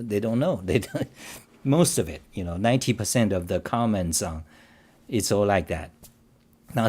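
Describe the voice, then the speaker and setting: A low, darkish-toned man hosts a livestream, ranting unscripted about code. He reads the chat out loud and speaks straight to his viewers, restarting sentences constantly and repeating points with defensive emphasis.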